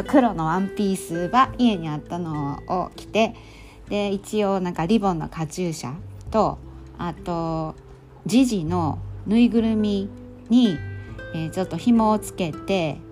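A middle-aged woman with a Kansai accent chatting casually through a monologue recap, with plenty of fillers and relaxed phrasing. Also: medium pitch, measured pace, soft background music. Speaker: storytelling volunteer and podcast host.

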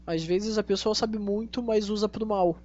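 A Brazilian man hosting a casual monologue to his listeners, speaking with a tongue-tied, slushy s and deliberate, repetitive phrasing. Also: sits high, steady tone, darkish tone. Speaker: podcast host. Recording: dull lo-fi audio, faint hum.

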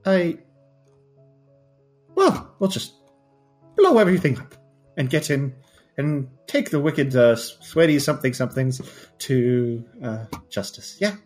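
A man's voice: mid-range voice, lively intonation, measured pace, darkish tone, soft background music. A man playing a tabletop game, playfully narrating what his character does. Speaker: player. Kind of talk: casual tabletop play.

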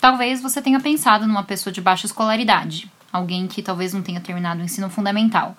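A woman's voice: mid-range voice, steady tone, fast talker, a bit bright. A woman with a Brazilian accent, a linguist explaining a lesson directly to her listeners.

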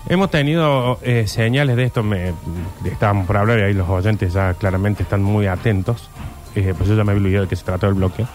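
A man's voice: lowish voice, fast talker, a little mellow, soft background music. A man co-hosting a casual radio talk show, rambling through anecdotes and losing his thread. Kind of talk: casual studio chat.

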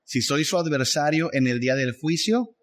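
A man's voice: fairly high pitch, expressive, moderate pace. A man preaching a sermon, emphatic and full of rhetorical questions. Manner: emphatic, rhetorical questions, acts out voices of others.

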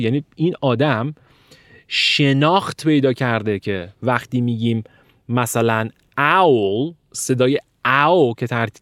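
A male language teacher lectures with emphatic stress and sweeping pitch changes. He slows down deliberately to spell out example sounds. His voice sits in a middle register and sounds dry and close, with no room echo. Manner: emphatic, swings pitch widely to demonstrate stress and intonation.

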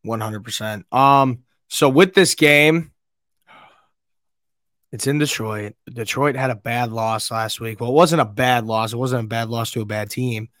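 A man with a hoarse, worn voice co-hosts a sports podcast. He is brash and swears freely, in a middle pitch. The mic sounds dry and close. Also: a little slow, a bit bright, no echo. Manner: brash, swears, trash-talks teams. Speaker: podcast co-host. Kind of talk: casual sports chat.

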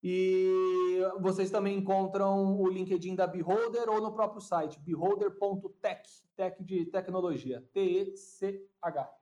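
A man with a notably high voice talks as a guest on a podcast. His speech is relaxed but halting, and he stumbles over repeated words while he thinks. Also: dull audio. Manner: hesitant, repeats words while searching for them. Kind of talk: casual podcast conversation.

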